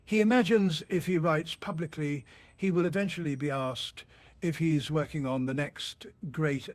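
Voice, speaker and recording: A man narrating a mock documentary in a measured, deadpan, formal manner, as if observing wildlife. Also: fairly high pitch.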